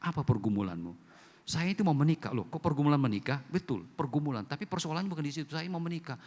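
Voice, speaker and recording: A man's voice: fairly high pitch, fast talker. A man preaching a sermon as pastor, telling stories and acting out quoted voices. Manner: lively storytelling with voiced quotes. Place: church hall. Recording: long hall reverb.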